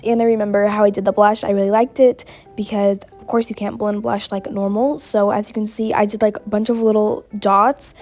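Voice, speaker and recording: A woman's voice: a little high, a little mellow. Bubbly woman with a cold narrating art. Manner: bubbly and gushing. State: has a cold. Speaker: art vlogger. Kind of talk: casual voice-over narration of a drawing.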